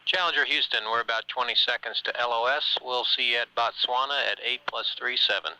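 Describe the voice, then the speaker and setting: A man's voice: mid-range voice, steady tone, fairly quick, bright, forceful tone, a little hiss or hum, poor audio. A man speaking as a mission control communicator over radio, using clipped, procedural phrasing. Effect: radio transmission.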